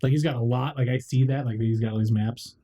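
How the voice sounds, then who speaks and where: A player in casual tabletop game chat, joking and bantering with a husky voice. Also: mid-range voice, steady tone, quick pace, warm tone.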